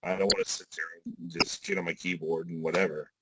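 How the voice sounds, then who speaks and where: A man in his forties talking as a podcast guest, relaxed, with frequent restarts and asides. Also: deep voice, fairly quick, background noise. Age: 40s. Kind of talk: casual podcast conversation.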